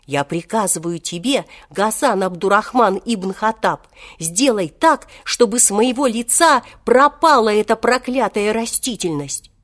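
A woman's voice: medium pitch, a little slow, a bit bright, close to an everyday voice. Woman voicing an impatient young boy. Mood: commanding.

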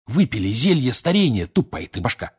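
A man voicing a brash, scheming teenage boy wizard in a storybook reading, loud and excited, pitched far up. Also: brisk, husky.

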